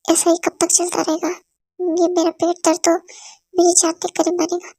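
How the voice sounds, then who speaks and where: A fiery young wife who scolds in rapid, insult-packed tirades, as a woman voices her for a fan-dub drama. The voice sits very high and barely moves in pitch. It is recorded close and dry, with no room sound. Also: monotone, warm tone, no echo. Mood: pained. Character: young wife, hot-tempered, scolding and scornful.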